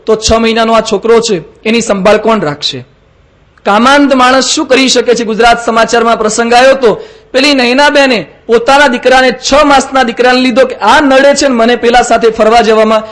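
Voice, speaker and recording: High-voiced monk preaching. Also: male voice. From Gujarat, India. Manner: lively storyteller acting out dialogue. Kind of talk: sermon storytelling.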